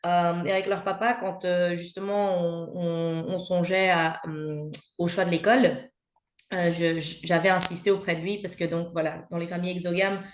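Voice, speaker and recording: A woman's voice: on the low side, little pitch movement, normal speed. A woman with a Belgian French accent, speaking as an interview guest in a conversational, hesitant way with frequent filler sounds. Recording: roomy echo.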